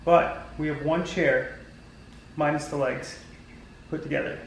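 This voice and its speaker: A man in his forties runs a casual DIY vlog from his indoor garage workshop, sounding tired as he talks through a woodworking build. His fairly high voice has vocal fry, fairly even intonation, and a measured pace. The room echoes, with slight background noise and poor audio, and he rambles with many ums and restarts.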